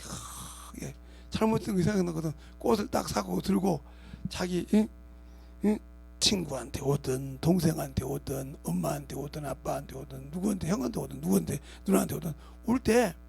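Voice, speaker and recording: Raspy, gravelly-voiced Korean pastor preaching. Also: male voice, sits high, normal speed, a little mellow, faint music behind. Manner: emphatic, voices imagined speakers, repeated rhetorical questions. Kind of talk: sermon. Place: church sanctuary.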